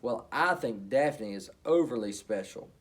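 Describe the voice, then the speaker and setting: A man reading aloud from a storybook, voicing a curious, brave young girl who speaks eagerly and excitedly. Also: medium pitch, measured pace.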